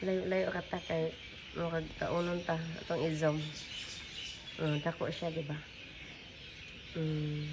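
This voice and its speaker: Woman vlogger, slow-talking and gravelly, cooing at animals, noisy outdoor phone recording with birds behind. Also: low voice, level tone. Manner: cooing, baby-talks to the animals. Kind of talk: casual zoo-visit vlog commentary. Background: birds, roosters and outdoor ambience.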